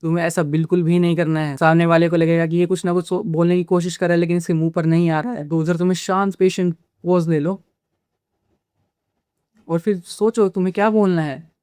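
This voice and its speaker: A man's voice: fairly high pitch, little pitch movement, brisk, a little mellow, clear, resonant tone, no room sound, clean studio sound. A man who makes communication-skills videos, lecturing the viewer directly and casually, dropping English phrases into his talk. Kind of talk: casual instructional talk to camera.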